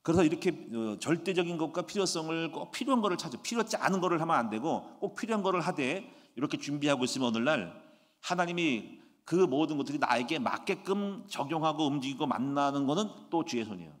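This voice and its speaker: A man in his sixties, a pastor delivering a Friday sermon in an animated preaching manner, often asking the congregation rhetorical questions. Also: fairly high pitch, fast. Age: 60s. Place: church sanctuary. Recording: echoey church hall reverb.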